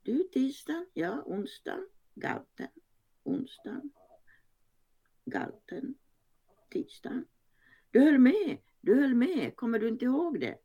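A woman's voice: pauses often, husky, highs cut off, full character voice. A woman doing a bawdy, cheeky old lady. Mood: gleeful, bawdy. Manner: gleeful, animated, raises her voice high. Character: bawdy cheeky older woman, plump, unapologetic.

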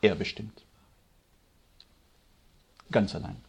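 A German-speaking man preaching a sermon, moving from quiet, measured delivery to loud, high, emphatic passages. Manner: grows loud and high-pitched when stirred, slow emphatic stresses.

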